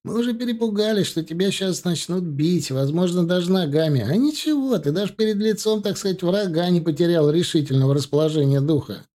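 A man doing a high, chatty excitable guy. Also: a little fast, hardly any pauses. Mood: excited.

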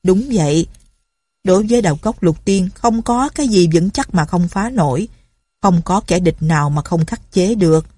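A woman's voice: lowish voice, expressive, normal speed, warm tone, husky, no room sound. A woman voicing boastful older male martial artists who brag in an audiobook. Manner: boastful, brash. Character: boastful old male martial artist, one of six brothers.

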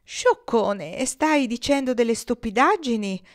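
A woman's voice: mid-range voice, big pitch swings, moderate pace, lightly acted. Woman reading as a flustered hostess with a heady voice. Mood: scolding. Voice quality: slightly heady voice. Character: anxious middle-aged woman hostess, shrill and embarrassed.

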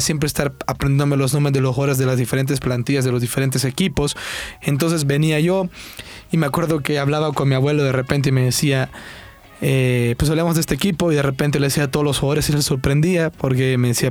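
A man's voice: medium pitch, a little mellow. A nineteen-year-old man from El Salvador with a Salvadoran accent, hosting a sports talk show on his own and talking casually with plenty of fillers and restarts. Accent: Salvadoran Spanish.

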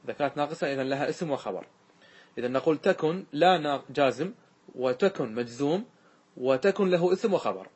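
A man's voice: on the high side, lively intonation, fast, a little mellow, husky. A man, a sheikh giving a classroom grammar lesson, explaining step by step, repeating examples and quizzing his students.

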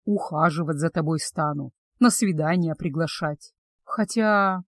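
A woman voicing a cursed young man, a tender unseen suitor who talks softly and slowly in a low voice. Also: no echo, clean studio sound. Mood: earnest. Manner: soft, low and slow-spoken.

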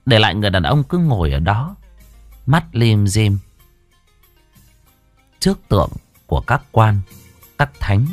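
A male storyteller narrates in a measured, expressive way, his fairly low voice rising and falling widely. The recording is dry and close, with no room sound. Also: no echo.

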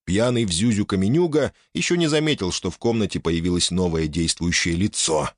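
A man narrating a fantasy audiobook in an expressive storytelling manner. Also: deep voice, a little fast, no room sound, clean studio sound.

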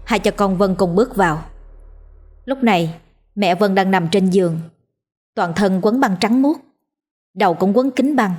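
A woman narrating a ghost story in a steady, scripted storytelling manner. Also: medium pitch, a little slow, pauses often.

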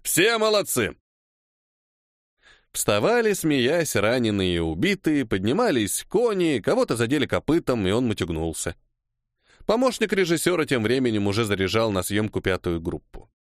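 Animated male audiobook narrator. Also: medium pitch, normal speed, dry recording, studio quality. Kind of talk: scripted first-person audiobook narration.

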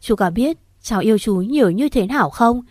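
A woman's voice: on the high side, animated, brisk, darkish tone, no echo, studio quality. A woman voicing a grieving young woman who pleads with her uncle through sobs. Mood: tearful, pleading. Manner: sobbing, pleading questions.

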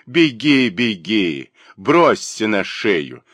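A man voicing a spiteful, gossiping old spinster woman with a shrill, mocking manner in an audiobook. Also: sing-song, unhurried, a bit bright, dry recording.

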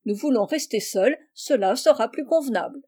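A woman's voice: fairly high pitch, expressive, normal speed, dark tone. A woman voicing a prim, proper young girl objecting firmly in a storybook.

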